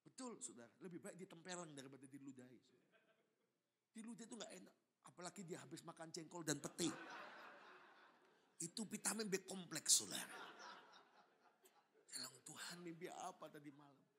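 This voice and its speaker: A man's voice: on the high side, animated, normal speed, pauses often, sharp tone, slight background noise. A middle-aged man preaching a sermon in church, telling a story with dramatic swings and constant calls to the congregation. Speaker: pastor.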